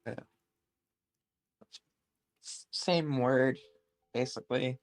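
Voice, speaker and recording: A man's voice: mid-range voice, takes it slowly, no room sound. A man playing a tabletop game, hesitant and stumbling over his words as he checks details. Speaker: player.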